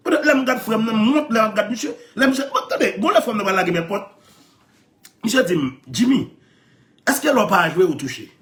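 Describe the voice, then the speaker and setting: A man with a Haitian Creole accent telling stories in animated chat, laughing often and repeating his phrases. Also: high voice, moderate pace.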